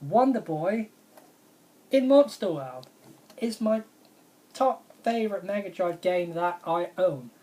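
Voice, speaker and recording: Low-voiced enthusiastic woman. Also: lively intonation, takes it slowly, pauses often, dark tone. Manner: enthusiastic, rambling, repeats praise. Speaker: video game vlogger. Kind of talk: casual video game review vlog.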